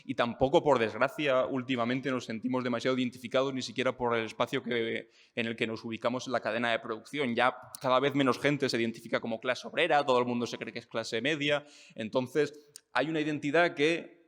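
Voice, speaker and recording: A young man from Spain talking casually and thinking aloud, with fillers and restarts, slowing down to stress his points. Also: mid-range voice, steady tone, fairly bright tone, long reverb tail. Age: young adult. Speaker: speaker on politics and identity. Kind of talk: casual talk.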